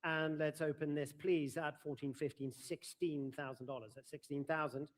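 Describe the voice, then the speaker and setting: A man's voice: fairly high pitch, flat delivery, normal speed. A man working as an auctioneer, formally and courteously announcing lots and calling out bids at a live sale.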